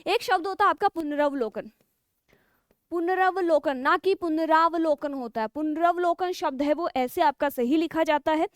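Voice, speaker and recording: A woman teaching a Hindi spelling lesson for exam students, explaining step by step, slowing down to spell out key words, and checking in with her listeners. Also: sits high, no echo, clean studio sound. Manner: explains step by step, keeps checking with 'ठीक है'.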